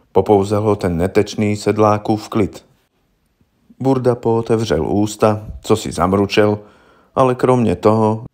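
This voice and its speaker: A man narrating a story in a calm, measured audiobook reading. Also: on the low side.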